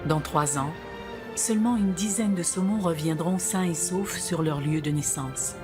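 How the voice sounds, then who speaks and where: Low-voiced woman narrating a nature documentary. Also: a little slow. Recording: music behind the voice. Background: background music.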